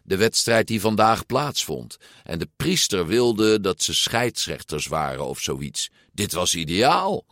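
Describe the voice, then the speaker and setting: A man reading a children's story aloud, slow and animated, giving each character a voice. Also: sits low, dry recording, clean studio sound. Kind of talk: storybook read-aloud narration.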